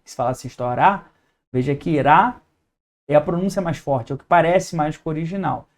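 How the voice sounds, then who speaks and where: A man's voice: a little high, a little mellow. A man with a Brazilian Portuguese accent teaching an exam-prep lesson at a whiteboard, explaining step by step and checking in with his students.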